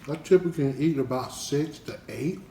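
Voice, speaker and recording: On his family channel, a vlogger chats through an eating challenge in a relaxed, unhurried way, dropping plenty of fillers. His voice is at an ordinary middle pitch, and the echoey room carries a faint hiss behind him.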